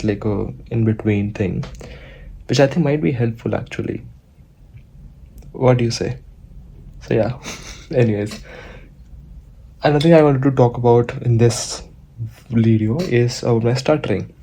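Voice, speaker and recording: Over poor audio, a young Indian vlogger speaks in a medium-pitched, gravelly, dark voice with a breathy edge, at a moderate pace with frequent pauses. Walking outdoors, he talks casually to the camera, often restarting and using fillers.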